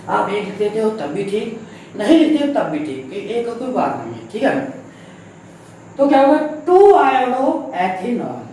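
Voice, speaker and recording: A man teaches in a lively, animated voice that rises and falls a lot, and he asks and answers his own questions as he goes. He sounds set back from the mic in a strongly echoing room. There is a faint hiss of noise behind him. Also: extremely high pitch, distant mic. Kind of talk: recorded classroom lesson.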